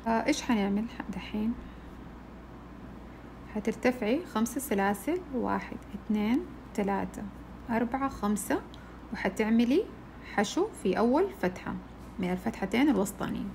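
A woman walks through a crochet pattern and counts each stitch aloud in a patient, even way. Her voice sits a bit high and has a gravelly edge. A faint hiss of noise runs under the recording. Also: a little fast. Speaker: crochet teacher. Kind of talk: step-by-step tutorial.

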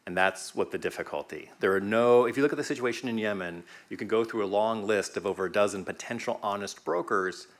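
Deep-voiced man speaking on a panel. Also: fairly bright tone. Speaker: panelist and legal advisor. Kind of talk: conference panel remarks. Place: conference room with panel table. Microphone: table microphone.

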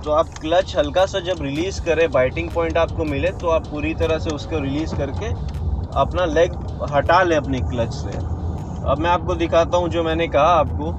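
Man, driving instructor, slightly high voice, talks while driving, car and road noise behind. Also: moderate pace. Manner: explains step by step while driving, with many fillers and restarts. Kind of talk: casual in-car driving tutorial. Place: inside a car on a city road.

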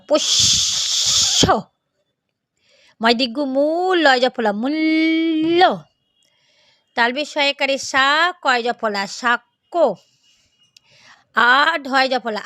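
Lady teacher, high voice, sounds out each letter slow n careful, dry recording. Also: fairly bright tone, dry recording. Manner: slow, deliberate sounding out of syllables. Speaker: reading teacher. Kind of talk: spelling-out reading lesson.

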